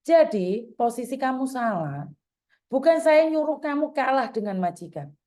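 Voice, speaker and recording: Brief: woman host, stern and lecturing, slightly higher voice. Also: very animated, moderate pace, dark tone. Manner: firm, scolding, calls caller "dear". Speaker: advice host. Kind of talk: advice phone call.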